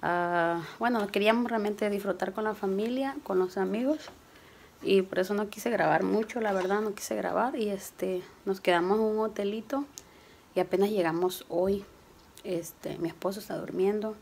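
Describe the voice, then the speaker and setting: Slightly hoarse woman vlogging at home. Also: mid-range voice, fairly even intonation, moderate pace, a little mellow, a little hiss or hum. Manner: chatty, affectionate, coaxing with her child. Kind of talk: casual home vlog.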